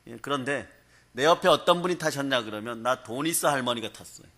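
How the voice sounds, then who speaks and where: A man's voice: medium pitch, lively intonation, a little fast, a bit bright. A male pastor preaching a revival sermon, telling stories and often prompting the congregation for a response. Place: prayer hall.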